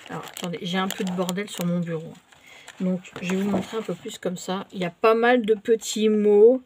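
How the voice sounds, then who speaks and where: A French-speaking haul vlogger chats casually with her viewers as she shows off a shopping haul, full of fillers and small hesitations. Her mid-range voice is a little mellow and fairly even, at normal speed, with slight background noise.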